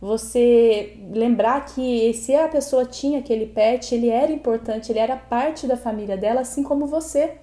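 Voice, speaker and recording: A woman's voice: a little high, normal speed, hardly any pauses, mellow. A Brazilian woman co-hosting a podcast in a conversational, earnest and reflective way, choosing her words as she goes. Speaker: podcast co-host, animal protection advocate. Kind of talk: conversational pet podcast talk. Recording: roomy, echoing voice recording.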